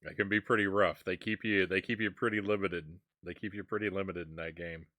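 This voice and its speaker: Man, deep low voice, casual live-stream host, chatty, sighing between bites. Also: fairly even intonation, fairly quick, bright, forceful tone. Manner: chatty, sighs and reacts while eating spicy seeds.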